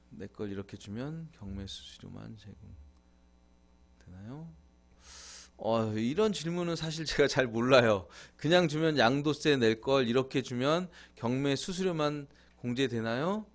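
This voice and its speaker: Male live-stream host, relaxed and chatty, breaks into laughs. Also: medium pitch, unhurried, vocal fry. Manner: chatty, thanks viewers, laughs often. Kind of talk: casual live-stream talk.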